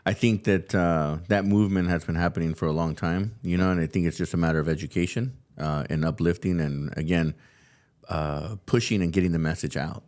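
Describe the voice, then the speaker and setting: Low-voiced upbeat male podcast host. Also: a little fast, a little mellow. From California, USA. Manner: upbeat, loose, lots of fillers and restarts. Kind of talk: casual interview chat. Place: studio.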